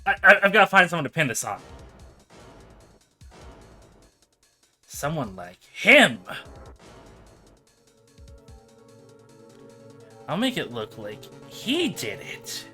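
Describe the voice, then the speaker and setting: A man's voice: on the high side, huge pitch swings, normal speed, sharp tone, husky, faint music behind, voice pushed up, heavily acted. A man voicing a panicked, conniving murderer in a video game. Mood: panicked scheming. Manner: frantic, conniving.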